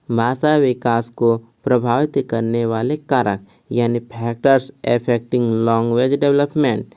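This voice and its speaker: With a mellow, smooth voice of medium pitch, this male teacher reads a textbook passage in an exam-prep lesson and then restates it more simply. He explains in Hindi with English terms mixed in and keeps asking "theek hai."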